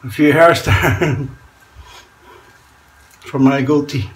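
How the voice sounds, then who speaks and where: A fairly high-pitched, slow-talking Norwegian man in his forties chats casually while shaving in a small tiled bathroom, chuckling often between remarks. He's a shaving vlogger, recorded by a camera close in front of him.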